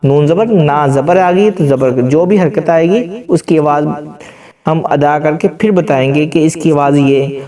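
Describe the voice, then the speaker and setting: A male Quran teacher, his voice a little high and mellow, drills syllables slowly one at a time during a spelling-out recitation lesson, now and then breaking into chanted recitation. He sounds distant from the mic.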